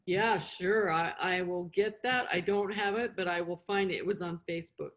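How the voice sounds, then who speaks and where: A middle-aged woman with a lowish voice, fairly even intonation and moderate pace leads a relaxed beginner lesson. She is a sign language interpreter and instructor, first language English, who explains through brief simple steps, repetition, and questions to check in.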